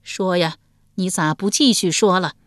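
A woman's voice: low-pitched, big pitch swings, measured pace, no room sound, clean studio sound, full character voice. A woman voicing a shrewd, stern elderly grand empress dowager who speaks coldly and commandingly in a storybook reading. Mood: imperious. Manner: cold, imperious, scolding.

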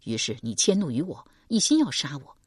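A woman doing a gentle young man. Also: deep voice, big pitch swings, a little fast, breathy edge, no echo, studio quality, heavily acted. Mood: tender. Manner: soft, tender.

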